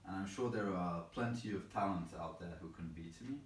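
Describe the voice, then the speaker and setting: A man's voice: deep voice, brisk. A man from England giving casual interview answers, thoughtful and rambling with many fillers and a self-deprecating touch. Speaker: interview guest, chess boxer. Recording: roomy, distant, faint background noise.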